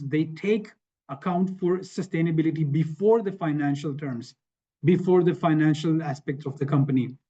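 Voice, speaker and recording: A man's voice: fairly high pitch, dark tone. A man from Sweden speaking on an online webinar panel, talking conversationally with slides, often repeating phrases and checking in with "right?". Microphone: video call. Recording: dull lo-fi online call audio.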